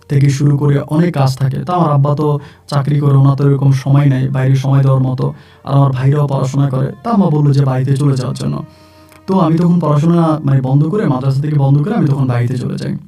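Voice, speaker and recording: Fast-talking man telling a true story. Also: mid-range voice, little pitch movement, warm tone. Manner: plain, conversational, repeats himself. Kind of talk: first-person true-life story narration. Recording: distant mic with faint music.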